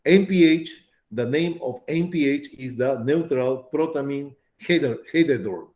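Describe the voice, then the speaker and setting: Mellow-voiced man lecturing a class. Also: on the high side, animated, unhurried. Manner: repetitive, checks in with students often. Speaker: pharmacology lecturer.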